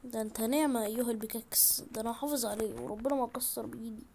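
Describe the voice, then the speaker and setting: Excitable Egyptian woman gaming commentary. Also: on the high side, very fast, a little hiss or hum. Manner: excitable, chatty, talks to viewers. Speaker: gaming YouTuber. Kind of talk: gameplay commentary. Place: at home, in a room.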